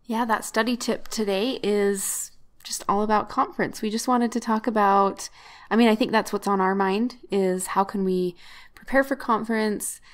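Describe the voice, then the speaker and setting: A woman's voice: mid-range voice, fairly even intonation, moderate pace. A woman co-hosting a casual scripture podcast with her husband, chatty and bubbly, often laughing. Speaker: podcast co-host.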